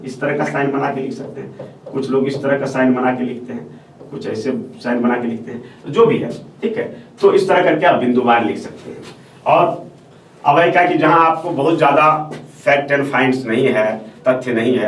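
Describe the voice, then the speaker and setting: A male teacher giving a step-by-step classroom lecture on answer writing, repeating phrases and checking in with the class as he goes. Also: mid-range voice. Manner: explains step by step, repeats phrases, often says "ठीक है". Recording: echoey room, voice from far off, faint hiss.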